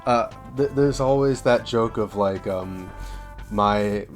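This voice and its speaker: A man's voice: fairly low pitch, takes it slowly, soft background music. A man casually reviewing homebrew tabletop rules, thinking aloud and repeating himself as he goes. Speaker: tabletop game content creator.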